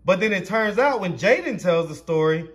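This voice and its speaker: A man's voice: high voice, expressive, normal speed. A man of thirty-nine with a Southern US accent, running a casual street interview with chatty questions and easy laughter. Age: 30s.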